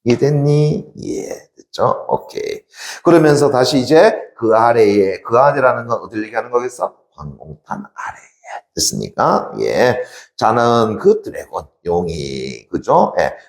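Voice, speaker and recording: A man's voice: mid-range voice, sing-song, unhurried, roomy sound. A man teaching a literature class in a lecture style, asking rhetorical questions and answering them himself.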